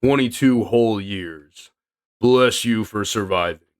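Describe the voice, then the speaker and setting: A man voicing a big, gentle old male giant who speaks lower and quieter, with a slow chuckling laugh. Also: clean tone, natural voice. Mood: fond.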